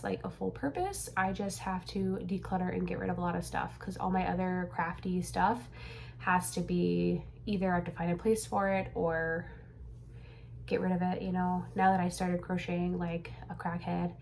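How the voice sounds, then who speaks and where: In a low, creaky voice with slight background noise, a young woman who designs crochet patterns vlogs casually from a room at home that's being cleared out. She rambles and chats, using lots of fillers and sounding a bit out of breath.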